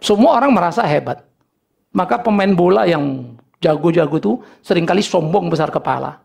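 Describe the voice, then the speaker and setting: Animated, gravelly pastor. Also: male voice, fairly high pitch, normal speed. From North Sumatra, Indonesia. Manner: lively storytelling, acting out family dialogues with humor. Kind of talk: sermon.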